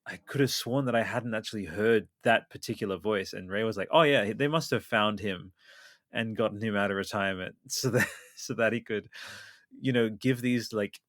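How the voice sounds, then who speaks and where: A man's voice: on the low side, fairly even intonation, a little fast, no echo, studio quality. A man in his thirties hosting a podcast, chatting eagerly and rambling with lots of fillers. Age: 30s. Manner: enthusiastic, rambling with many fillers. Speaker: podcast host. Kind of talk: casual chat.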